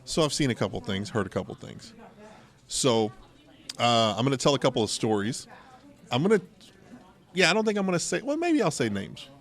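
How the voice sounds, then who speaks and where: Very animated and brisk, with frequent pauses, a medium-pitched middle-aged American podcast host tells rambling stories full of asides. The casual banter takes place at a local game store.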